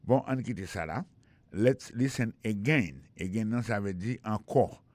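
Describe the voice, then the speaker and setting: A man with a Haitian accent leads an English lesson, saying phrases slowly and spelling them letter by letter. His voice sits fairly low, recorded dry and close. He repeats each phrase and explains how to say it. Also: lively intonation, a little mellow, no echo. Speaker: English teacher. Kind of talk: language lesson. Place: in the United States.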